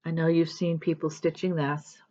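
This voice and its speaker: A woman's voice: low voice, level tone, moderate pace, dark tone, dull audio. A woman chatting casually as a cross-stitch vlogger, rambling a little and correcting herself as she goes. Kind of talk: casual show-and-tell chat.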